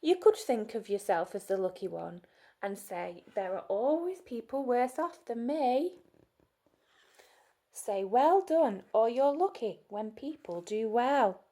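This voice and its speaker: A woman, leading a gentle storytime lesson for young children, coaxing and asking them questions, sometimes dropping to a soft whisper. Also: fairly high pitch, lively intonation, takes it slowly. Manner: sing-song, coaxing, asks children questions; drops to soft whispers at times.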